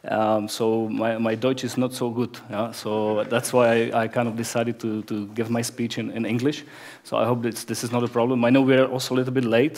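A man in his thirties speaks English with a Czech accent into a headset mic on a conference stage. His delivery is fairly flat in pitch and halting, with frequent repeated words and restarts as he tells his story. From Czech Republic. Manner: hesitant, many word repeats and restarts. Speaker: conference speaker, production director. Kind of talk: conference talk without slides. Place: bright stage of a conference hall. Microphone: headset microphone.

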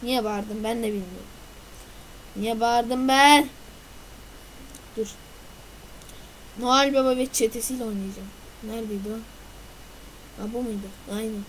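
While playing through a game for her let's play audience, this woman talks to viewers and bursts into goofy sounds and outbursts. Her voice is on the high side and steady, at a moderate pace with frequent pauses. The recording is low quality, with a slight hiss or hum.

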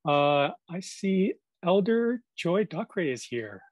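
A man's voice: high voice, sing-song, slow pace. A man hosting a commemorative video call, casually calling on guests one by one. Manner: casual, friendly, calls on guests by name. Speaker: event host.

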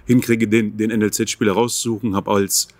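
A man who runs a football school introduces himself on a jury panel, matter-of-fact and a bit low in pitch. His voice is close and dry on a handheld mic. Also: level tone, normal speed, darkish tone, no room sound. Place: large indoor football hall.

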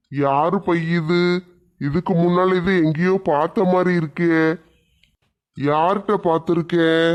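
A man voicing a toothless old village grandfather who mutters slowly to himself in a cartoon. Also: on the high side, natural voice. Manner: slow musing self-talk. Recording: dull lo-fi sound.

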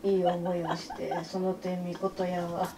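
A woman in her twenties chatting casually while receiving a massage, relaxed and laughing, with short replies. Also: fairly low pitch, moderate pace, creaky, very noisy. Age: 20s. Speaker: massage client. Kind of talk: casual chat during a massage.

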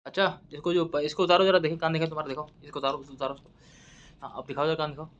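A man's voice: fairly high pitch, flat delivery, rapid-fire, fairly bright tone. Man doing comic sketch voices, dull sound. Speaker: comedy sketch creator playing doctor and patients.

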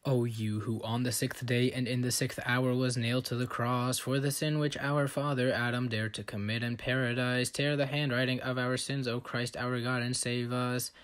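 A man recites church prayers in a smooth, resonant voice. His intonation stays very flat and even, in a steady recitation at a middling pitch. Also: normal speed, few pauses. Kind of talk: liturgical prayer reading.

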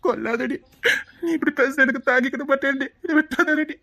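A woman's voice: sits high, brisk, pushed and bright. A woman with a Tirunelveli Tamil accent voicing a desperate, devoted husband who stammers out reassurances as he pleads. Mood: pleading, desperate. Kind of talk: tearful melodrama.

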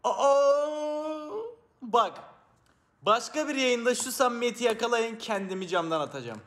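High, lively joking man. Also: unhurried. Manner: playful, teasing, mock-teacher banter. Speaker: live streamer. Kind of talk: casual live-stream chat with viewers.

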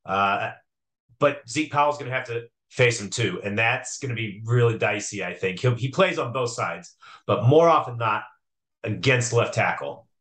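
A man's voice: mid-range voice, lively intonation, moderate pace, fairly bright tone. A man co-hosting a sports podcast, talking casually about an upcoming college football game, with frequent fillers and restarts. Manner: conversational, hesitant with fillers and restarts.

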